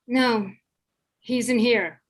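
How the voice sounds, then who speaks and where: A woman's voice: fairly high pitch, steady tone, very slow. A woman in a live script reading, playing a cool, dry, confident mutant heroine. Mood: cool, unimpressed.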